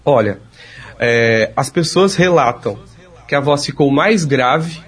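A man's voice: mid-range voice, lively intonation, slow, breathy edge. A man, a speech therapist patiently explaining treatment step by step in an interview.

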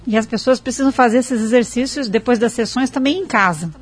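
Woman interviewer, husky tone, short questions. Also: on the high side, brisk. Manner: brief, inquisitive questions.

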